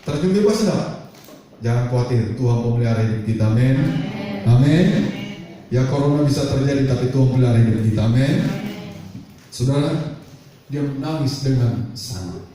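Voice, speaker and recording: A man preaching a lively sermon as pastor, often asking the congregation questions. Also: medium pitch, moderate pace, pauses often. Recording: echoey church hall, voice from far off.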